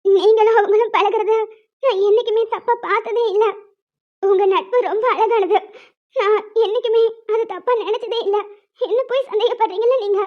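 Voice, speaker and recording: A woman's voice: very high voice, fast talker. A woman voicing a young village woman who pleads and cries when she is accused. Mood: tearful. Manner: pleading, tearful. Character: young village woman Kaviya, tearful, hurt. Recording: muffled lo-fi sound.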